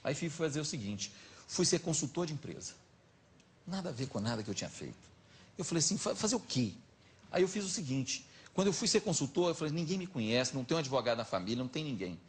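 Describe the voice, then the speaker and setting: A middle-aged man with a Minas Gerais accent, telling anecdotes as a talk show guest in an animated, chatty way. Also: fairly high pitch, fast, slight background noise. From Minas Gerais, Brazil. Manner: lively anecdotal, animated retelling. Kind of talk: casual storytelling chat.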